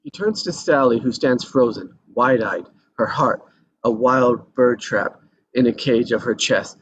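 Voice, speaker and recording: A man with a medium-pitched voice narrates stage directions at a measured pace during a table read of a script. There's slight background noise, and the highs are cut off.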